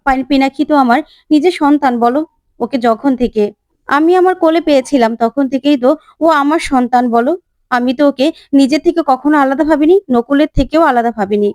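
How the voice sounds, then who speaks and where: A woman's voice: high-pitched, fairly quick, a little mellow, no echo, close to an everyday voice. A woman voicing an elderly grandmother who is a dramatic, bitter stepmother, speaking in a pleading, reproachful way.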